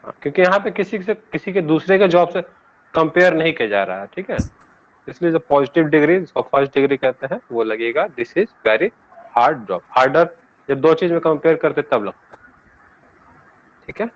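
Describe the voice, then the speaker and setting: Man, Indian accent, English teacher, patient explaining, mixes languages, quizzes students, slightly high voice, dull lo-fi recording. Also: expressive, normal speed. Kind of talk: classroom grammar lesson.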